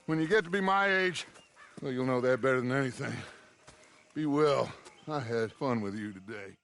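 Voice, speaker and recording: A man's voice: medium pitch, moderate pace, fairly bright tone, lightly acted. A man playing an ageing, charismatic outlaw gang leader in a video game, teasing and grandiose in a theatrical drawl. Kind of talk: video game character acting.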